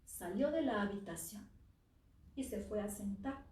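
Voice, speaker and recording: A woman telling a dark tale on a theater stage, dropping at times to a near-whisper for effect. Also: medium pitch, expressive, measured pace. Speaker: oral storyteller. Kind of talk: dramatic live story narration. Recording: echoey theater, from far off the mic.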